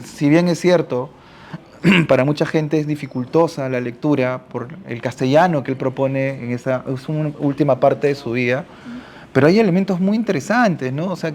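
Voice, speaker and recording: A fairly high, dark-toned male voice belonging to a Peruvian man from Ica who speaks with a Peruvian Spanish accent. He's a panelist at a literary talk, thinking out loud and often closing phrases with a questioning tag.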